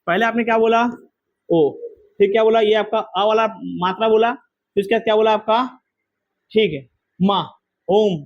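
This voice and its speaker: A man's voice: high-pitched, dull audio. A man teaching a grammar lesson to a class, quizzing students with repeated questions.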